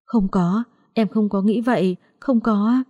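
A woman's voice: medium pitch, moderate pace, mellow, dry recording, lo-fi sound, close to an everyday voice. A woman voicing a timid young pregnant servant woman who sobs and pleads. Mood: tearful pleading. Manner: sobbing, pleading.

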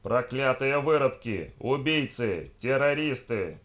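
A man reading an audiobook, voicing a wounded, defiant young woman fighter who is hoarse and out of breath. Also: lowish voice, brisk, natural voice. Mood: screaming defiance. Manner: shouting defiantly.

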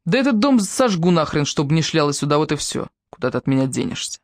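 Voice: mid-range voice, very animated, quick pace, dry recording, clean studio sound. A reader voicing a furious, possessive man who talks coarsely, threatens and swears, in an audiobook. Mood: raging.

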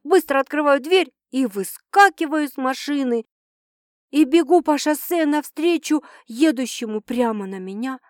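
A woman's voice: high voice, animated, a little slow, no room sound, clean studio sound. A woman reading a first-person audiobook with dramatic, tense storytelling. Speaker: audiobook narrator.

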